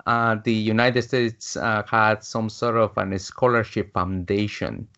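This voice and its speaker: Fairly low in pitch, this Guatemalan man in his fifties talks unhurriedly and flatly, his voice pushed and bright. As a business coach guesting on an interview, he tells his life story with plenty of fillers and restarts. The audio quality is dull and lo-fi.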